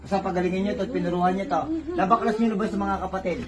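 Commanding faith healer, distant and crowded. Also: male voice, sits high, fairly even intonation, racing, a crowd in the background. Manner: commanding, repeats questions insistently. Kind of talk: exorcism session. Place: home healing session.

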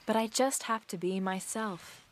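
An actress voicing a young nun's gentle, reflective voice-over narration in a film. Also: female voice, medium pitch, a little hiss or hum, lightly acted. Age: young adult. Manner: soft, reflective, measured. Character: young nun recalling her life, gentle and devout.

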